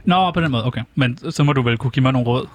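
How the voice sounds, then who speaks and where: A man's voice: mid-range voice, no room sound. A man co-hosting a comedy show, playing along in a bewildered way. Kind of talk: comedic banter.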